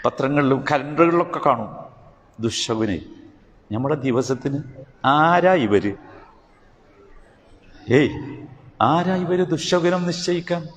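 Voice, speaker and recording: A male preacher giving a sermon, asking rhetorical questions and swinging between emphatic highs and quiet lows. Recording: hall reverb with faint ambient noise.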